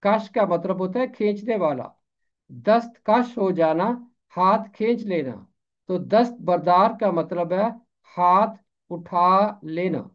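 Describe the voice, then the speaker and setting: A man with a Pakistani Urdu accent giving a pronunciation lesson, speaking slowly and deliberately and repeating each word for drill. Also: high voice. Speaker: pronunciation teacher. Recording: slightly dull lo-fi recording.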